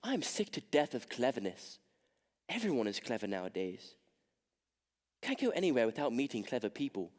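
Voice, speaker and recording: Guy acting as a bored proper gentleman, dry and tired of everything, voice rises and falls a lot. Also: mid-range voice, big pitch swings, moderate pace, pauses often, close to an everyday voice. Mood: weary. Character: weary, proper young gentleman. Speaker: stage actor in a school play. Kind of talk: stage comedy acting.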